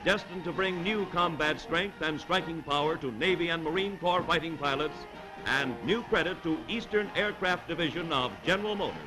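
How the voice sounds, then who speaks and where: A man narrating an old 1940s newsreel with brisk, upbeat announcer delivery. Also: fairly high pitch, poor audio. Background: music.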